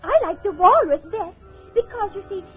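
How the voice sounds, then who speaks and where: A woman's voice: extremely high pitch, animated, normal speed. A woman voicing a prim, curious young girl in a storybook recording, polite and earnest. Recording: tinny old record with faint music.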